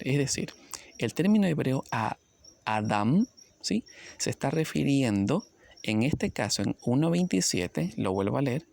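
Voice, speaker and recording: Gravelly man teaching a Bible lesson. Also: mid-range voice, darkish tone, dry recording. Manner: explanatory, checks in with "¿ok?" and "¿sí?"; reads scripture aloud slowly.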